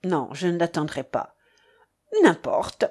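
A woman's voice: fairly low pitch, slow pace, darkish tone, breathy edge, pitched below the performer's own voice. A woman reading a storybook part of a pushy, mocking man who keeps repeating himself. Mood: offhand.

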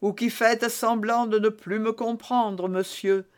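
Pleading scheming captive woman put on by a male reader, tearful, theatrical, high voice, slow audiobook delivery. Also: fairly even intonation, clean tone. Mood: pleading, indignant.

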